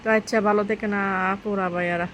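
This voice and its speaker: A woman's voice: mid-range voice, fairly even intonation, brisk, noisy background. A woman vlogger with a rural Bangladeshi dialect, chatting to her viewers outdoors in a homely, rambling way. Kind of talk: casual chat to viewers. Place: outdoors near birds.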